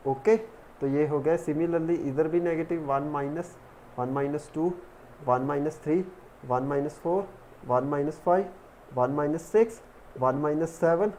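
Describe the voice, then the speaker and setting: A man tutors a math class, walking through each step and counting terms aloud as he writes. His voice sits slightly high and his delivery is slow. A faint hiss of noise runs under the recording. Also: a little mellow. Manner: talks while working, counts terms aloud.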